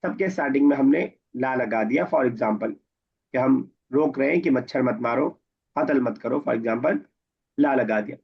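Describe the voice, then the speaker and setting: A man's voice: mid-range voice, normal speed, gravelly, husky. A man teaching an Arabic grammar class, patiently explaining and quizzing his students. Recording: dull lo-fi recording.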